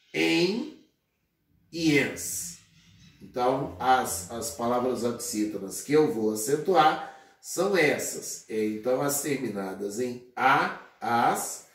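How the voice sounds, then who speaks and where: A male teacher with a Brazilian Portuguese accent gives a slow, deliberate grammar lesson. His voice sits a little high for a man and breaks words into syllables, with many "é" fillers between them. He stands away from the mic in a very echoey room. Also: far from the mic.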